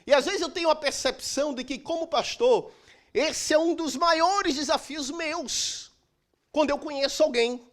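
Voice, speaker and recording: In a church, a middle-aged male pastor with a very high-pitched voice preaches an emphatic sermon, using dramatic pauses and swinging from loud to soft.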